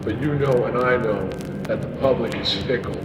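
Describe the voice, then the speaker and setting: A man's voice: medium pitch, moderate pace. A man in his twenties, a band member, rambling in a casual interview. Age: 20s. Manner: rambling, restarts often. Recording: echoey hall with loud noise, mic far off.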